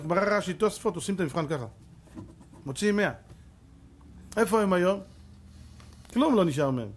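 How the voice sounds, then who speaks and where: A middle-aged man, a rabbi, giving a Torah lesson as an animated storyteller who acts out voices. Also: a little high, a little hiss or hum.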